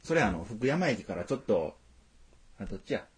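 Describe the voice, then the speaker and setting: A man with a Tosa (Kochi) Japanese accent co-hosts a podcast in casual chat, joking, laughing often and dropping playfully formal asides. His voice is fairly low and slightly rough, with big pitch swings and a fairly quick pace.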